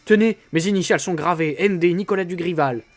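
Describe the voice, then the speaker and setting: A man's voice: sits high, fast talker, pitched above the performer's own voice. A man voicing a flustered, gullible middle-aged husband in a read-aloud story. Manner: flustered, anxious.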